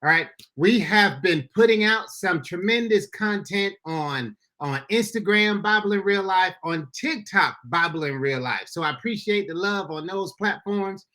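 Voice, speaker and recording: Upbeat high-voiced pastor hosting a podcast. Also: male voice, lively intonation, unhurried, hardly any pauses, bright, forceful tone. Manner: upbeat, folksy, addresses listeners as y'all. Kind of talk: casual podcast chat. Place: Florida.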